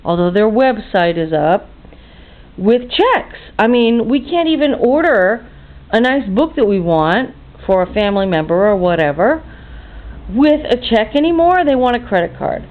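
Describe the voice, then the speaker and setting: An American woman in her fifties, tired and indignant, rants chattily in a casual vlog monologue. Her voice runs on the high side with big pitch swings at a measured pace, and the audio sounds tinny and lo-fi, like a phone recording.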